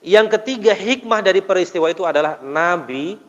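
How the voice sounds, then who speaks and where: A man's voice: high voice, lively intonation, brisk, fairly bright tone. A man preaching to a mosque congregation, telling stories and throwing rhetorical questions at the listeners. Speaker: Islamic preacher. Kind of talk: mosque study sermon. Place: mosque hall. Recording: dull, long hall reverb.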